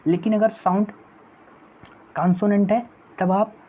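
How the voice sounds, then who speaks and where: A woman's voice: mid-range voice, steady tone, measured pace, mellow. A woman teaching an online exam-prep English lesson. She repeats herself often, calls the viewers friends, and asks questions she then answers. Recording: dull lo-fi audio with faint noise.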